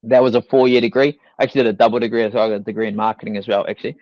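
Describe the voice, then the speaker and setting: Guesting on a casual podcast, a young fitness coach with a New Zealand accent rambles loosely, filling gaps with "like" and "you know". He speaks rapid-fire in a steady voice on the low side, recorded with no echo in a dull, dry studio.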